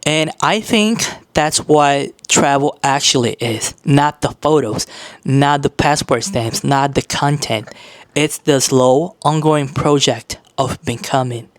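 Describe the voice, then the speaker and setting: An earnest man from Brazil talks through a reflective vlog monologue, easing off to linger on the phrases that matter. His voice sits at an ordinary middle pitch. The sound is dry and close, with no room around it. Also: slow pace, no echo. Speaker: vlogger.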